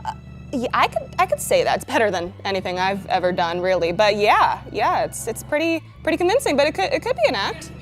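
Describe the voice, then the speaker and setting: A woman's voice: a little high, very animated, brisk, soft background music. A woman playing a hesitant, stammering witness in improvised comedy.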